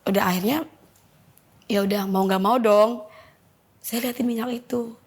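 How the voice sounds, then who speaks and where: Gravelly, husky woman telling her story. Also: fairly high pitch, fairly even intonation, normal speed. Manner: emotional, vivid retelling that acts out quoted dialogue. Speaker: testimony guest. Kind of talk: personal testimony, storytelling.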